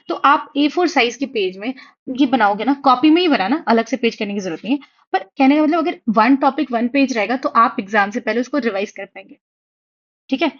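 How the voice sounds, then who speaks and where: Writing on a tablet while she teaches, this young woman gives an online exam-prep lecture mixing Hindi and English. Her fairly high voice comes through a muffled recording, and she stays chatty and reassuring, frequently asking her students "theek hai?"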